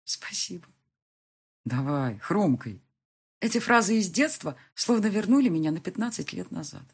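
Breathy female narrator for a reflective first-person audiobook. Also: fairly low pitch. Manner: intimate, reflective storytelling.

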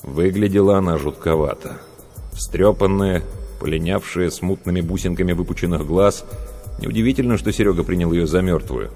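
A man narrating a story as an audiobook in an expressive storytelling manner. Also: low voice, normal speed. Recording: long reverb, faint music.

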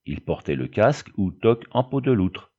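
Brief: male audiobook narrator, measured and even, muffled low-fi sound. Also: breathy edge. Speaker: audiobook reader. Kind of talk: scripted narration of a novel. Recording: dull lo-fi recording.

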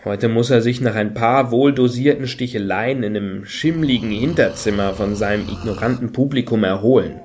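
In a German radio play, an actor voices a wordy, hesitant, sardonic fan of a washed-up satirist, sounding wry and musing. His husky, darkish voice is medium-pitched, lightly acted and delivered at normal speed with few pauses, over hissy background noise.

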